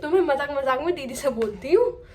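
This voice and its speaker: A young family vlogger with a high, expressive, mellow voice talks a little fast while filming at home. She chats as she cooks in her kitchen and then tells a story, frequently checking in with "okay."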